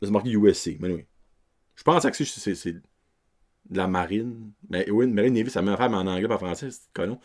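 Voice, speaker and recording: A man's voice: fairly low pitch, fairly quick. A young man with a Québécois French accent, hosting a casual film review podcast in a rambling way, dropping English words and slang as he goes. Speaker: podcast host.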